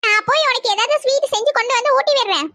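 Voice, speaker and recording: A woman's voice: extremely high pitch, fast talker, sharp tone, dry recording, studio quality. Woman voicing doting cartoon village mother. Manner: doting, coaxing, village Tamil talk. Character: warm fussing village mother, middle-aged.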